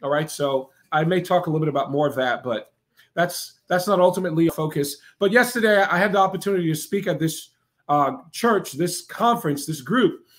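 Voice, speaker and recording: Male preacher, high-pitched, emphatic and repetitive, constantly checking in with the audience. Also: fairly quick, fairly bright tone. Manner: emphatic, repetitive cadence with frequent "right?" asides. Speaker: preacher and broadcast host. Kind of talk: preaching to a live online audience.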